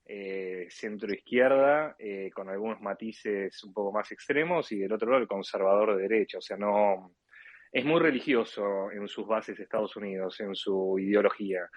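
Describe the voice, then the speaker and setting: This Argentine caller, speaking with an Argentine accent, weighs in casually on politics during a live audio discussion, often stalling and rephrasing. His voice is lowish, his pace moderate, and there's no room sound. Recorded via a close, dry online chat mic, the audio is dull and lo-fi.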